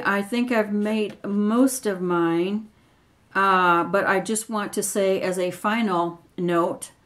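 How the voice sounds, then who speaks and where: Slow-talking older woman, earnest and rambling. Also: medium pitch. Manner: earnest, rambling, grievance-driven; nervous. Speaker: retired x-ray tech. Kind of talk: personal video statement.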